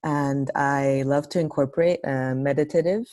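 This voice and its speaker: A woman's voice: very deep voice, fairly even intonation, moderate pace, dark tone, no room sound. A woman from Italy and Hong Kong introducing herself as a poet and artist on a video call, with a few filler uhs. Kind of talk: self-introduction.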